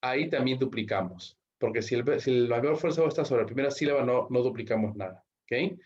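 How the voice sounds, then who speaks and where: A man's voice: mid-range voice, quick pace, a little mellow, muffled recording. A male English teacher giving an online class lecture, explaining rules step by step and checking in with frequent "¿ok?" after each point. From Peru.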